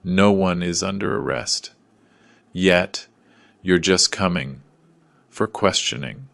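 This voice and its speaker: A man voicing a male police officer who speaks calmly and firmly. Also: sits low, slow pace, creaky, no room sound, heavily acted. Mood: calming. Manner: calming, firm.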